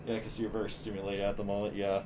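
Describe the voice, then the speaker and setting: A man with a fairly low voice chats casually as he streams a game. There is faint noise behind him. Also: completely flat delivery, fast. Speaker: livestreamer. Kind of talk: casual gaming livestream chat.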